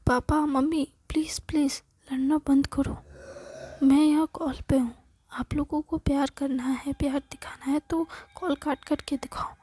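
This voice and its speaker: A woman's voice: high voice, steady tone, normal speed, dark tone, no echo, close to an everyday voice. A woman voicing a loving young adult son in a whispered role-play, in a soothing, reassuring manner.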